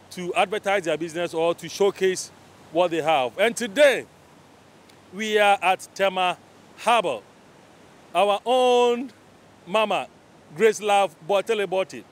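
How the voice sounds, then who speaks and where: A man's voice: high voice, unhurried, pauses often. A man with a Ghanaian accent hosting an interview, chatty and switching between English and Twi. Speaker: interviewer host. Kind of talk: casual interview. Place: outdoors on a beach by the sea. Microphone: handheld mic. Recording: faint outdoor traffic noise.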